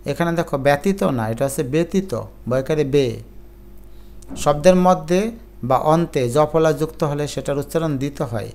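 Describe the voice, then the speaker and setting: A male teacher works through an exam-prep lesson, explaining each rule step by step with examples. His voice sits a bit high. It comes across smooth and crisp, with a patient, methodical pace. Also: brisk, a little mellow. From Bangladesh.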